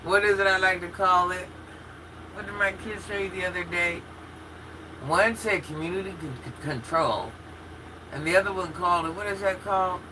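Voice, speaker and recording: Reading and answering viewer comments, a woman in her fifties chats openly during a casual livestream, addressing chat directly with frequent laughs and restarts. Her voice sits on the low side at a moderate pace, with background noise present.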